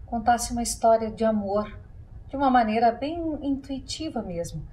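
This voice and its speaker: A woman's voice: a little high, moderate pace, mellow, low-quality recording. A woman hosts a TV interview in a studio. Her manner is earnest and effusive, full of thanks as she wraps up the show. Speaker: TV show host. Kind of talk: closing a televised interview.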